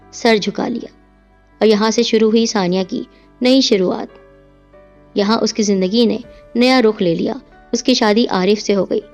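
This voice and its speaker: A woman's voice: mid-range voice, a little mellow. Woman narrating a drama story over music. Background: faint music.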